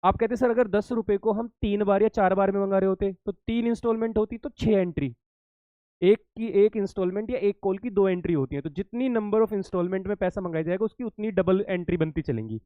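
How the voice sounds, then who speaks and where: A man's voice: high voice, brisk, no echo, phone-quality sound. A male accountancy teacher giving an exam-prep lesson to students, repeating key points, checking that they follow and calling them kids.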